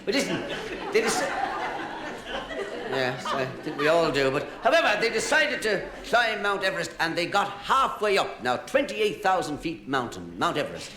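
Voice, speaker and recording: A man's voice: a little high, big pitch swings, moderate pace, crowd noise. An Irish man doing stand-up, telling jokes to a live audience and chuckling at his own punchlines. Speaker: comedian. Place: live show before an audience. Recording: roomy live-room echo.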